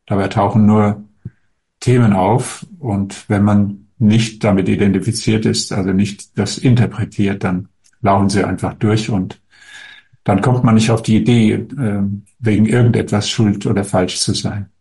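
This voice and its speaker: A man with a fairly low voice answers viewer questions as a spiritual teacher. He speaks calmly and thoughtfully, pausing often with small hesitations as he feels his way through each answer. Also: gravelly. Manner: calm, musing, with many hesitations.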